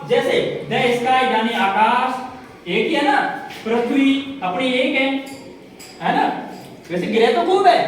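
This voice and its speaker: A woman with a high voice teaches a grammar lesson, putting questions and answering them herself as she repeats each example. She is heard from a distance in a very echoey room, with faint noise behind her.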